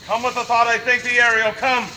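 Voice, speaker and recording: Man playing a high-pitched, declaiming vengeful sorcerer. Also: flat delivery, fairly quick, bright, forceful tone, heavily acted. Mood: commanding. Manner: stagey, declaiming in archaic English. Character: commanding, vengeful male sorcerer with spirit servant. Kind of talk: live stage performance of Shakespeare. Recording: noisy live outdoor stage recording.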